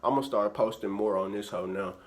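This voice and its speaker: A young man hosting a casual vlog in a relaxed, slangy way, often filling with "you know what I'm saying", with music playing behind him. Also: on the low side, a little fast, a little hiss or hum. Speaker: YouTuber host.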